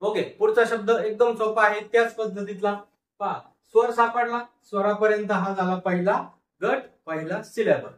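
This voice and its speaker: Man, Marathi accent, phonics lesson, repeats words slowly, high pitch, roomy echo. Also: steady tone, distant mic. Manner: slow, drawn-out syllables, repeats and drills words; asks questions and answers them himself. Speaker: teacher.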